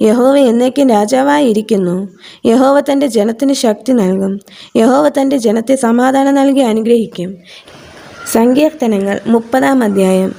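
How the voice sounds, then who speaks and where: A woman reading scripture aloud for meditation in a calm, measured way. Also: on the high side, creaky. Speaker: Bible reader.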